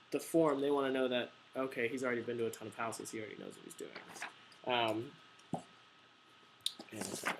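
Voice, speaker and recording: A man's voice: medium pitch, fairly bright tone, slight background noise, low-quality recording. A young man in his twenties, a college student, talking informally about door-to-door marketing with lots of ums and restarts. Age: young adult. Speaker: painting business owner training door-to-door marketers. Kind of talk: casual instructional talk to camera.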